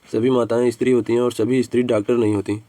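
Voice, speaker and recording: A man's voice: medium pitch, flat delivery, fast, warm tone, no echo. A man with a Hindi accent teaching an exam reasoning lesson, talking through each step and repeating it, and calling his viewers friends.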